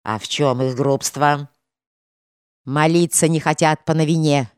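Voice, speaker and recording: A woman voicing a boisterous, tipsy young soldier, loud and excited, in a storybook reading. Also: low-pitched, unhurried, smooth, no echo, clean studio sound. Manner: loud, excited, a bit drunken.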